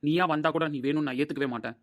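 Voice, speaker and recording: A man playing an angry, hurt young man who shouts and scolds his lover in a Tamil audio drama. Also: on the high side, rapid-fire, close to an everyday voice. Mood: furious, hurt.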